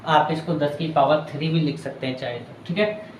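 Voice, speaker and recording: A man with a fairly high voice explains a physics problem step by step, in a patient and chatty way that keeps checking in with his students. The room is roomy and echoey, with a faint hiss of noise underneath. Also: moderate pace. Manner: patient, chatty, addresses students as bhaiya and beta. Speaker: physics teacher. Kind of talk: board lesson explaining a numerical.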